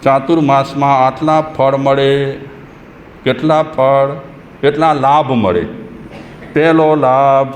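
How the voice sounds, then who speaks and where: A man, a Jain monk, giving a sermon in a conversational, humorous way and chanting verses in between. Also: mid-range voice. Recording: echoey hall with faint noise.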